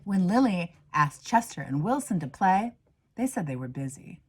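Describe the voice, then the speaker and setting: A woman reads a picture book to children in a fairly low voice with a husky edge. Her pitch moves widely and expressively, dropping into hushed asides and rising again for emphasis. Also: very animated, normal speed. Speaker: reader, minister. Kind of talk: children's storybook read-aloud.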